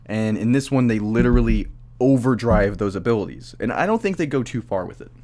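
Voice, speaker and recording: A tipsy young man giving a casual, rambling movie review, halting, swearing freely and losing his train of thought. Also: mid-range voice, animated, darkish tone. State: drunk, tipsy. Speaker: amateur film reviewer.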